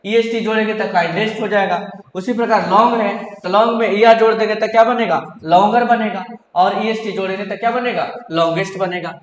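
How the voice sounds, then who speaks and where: Male grammar teacher with a high voice who drills by question and answer, recorded in a roomy, echoing hall. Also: fairly even intonation, a little fast, dull audio. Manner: asks questions and answers them himself, repetitive drilling. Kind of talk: classroom grammar lesson in Hindi. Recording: echoey hall, roomy reverb.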